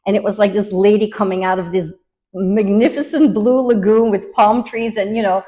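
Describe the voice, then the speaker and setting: A woman's voice: medium pitch, fairly even intonation, moderate pace, warm tone, rough recording. A middle-aged woman from Belgium with a slight Belgian accent, chatting casually as an interview guest with many fillers. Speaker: guest, luxury travel advisor.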